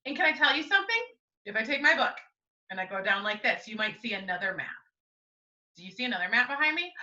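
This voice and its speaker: Reading to the small children she teaches, a woman from the United States leads storytime indoors at home, her voice a little high and lilting as she stops to ask them questions. The recording, made with a distant microphone, sounds slightly dull and has roomy echo.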